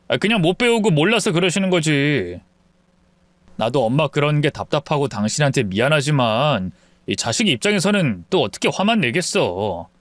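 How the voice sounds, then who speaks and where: A soft-spoken husband, coaxing and apologetic as he smooths things over, played by a man in his own fairly high voice that still moves a lot in pitch. The sound is close and dry. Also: dry recording, close to an everyday voice. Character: placating husband caught between wife and mother.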